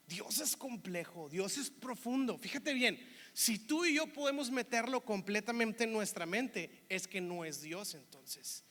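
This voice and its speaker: A man's voice: high voice, pushed and bright, in a large hall. A man with a northern Mexican accent from Monterrey, preaching a sermon in a chatty way and often asking "¿verdad?". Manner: conversational, keeps asking "¿verdad?". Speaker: pastor.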